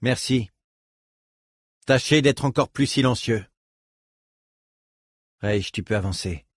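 A man voicing a blunt, sharp-tongued female bodyguard in an audiobook, curt and commanding. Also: medium pitch, slow pace, no room sound, clean studio sound.

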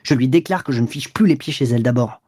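A man's voice: mid-range voice, fast talker, a little mellow, husky, no echo, close to an everyday voice. A brusque, sneering young man, as a reader voices him, cold and impatient, snapping out his words. His voice is close and dry, with no room sound at all. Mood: grumbling. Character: curt, scornful young man, a cynical lover.

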